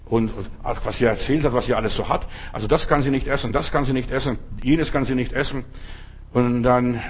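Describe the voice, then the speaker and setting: Husky preacher man, fervent sermon. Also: medium pitch, fast. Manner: fervent, swings between loud exhortation and quiet asides; addresses listener directly as du.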